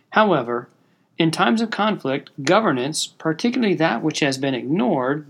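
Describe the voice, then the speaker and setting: A man hosting a church podcast, reading a prepared talk with dry, wry humor. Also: on the high side. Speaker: podcast host.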